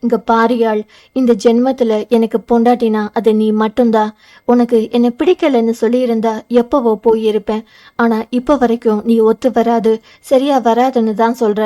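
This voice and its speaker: A woman's voice: on the high side, fairly even intonation, moderate pace, dark tone, natural voice. A woman voicing an intense, stubborn young man in an audio novel, speaking urgently and pleading. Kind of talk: audio novel character reading.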